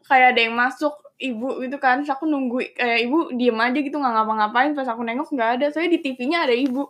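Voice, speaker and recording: A middle-aged mother in casual chat, telling a story in a measured, reassuring way. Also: high voice.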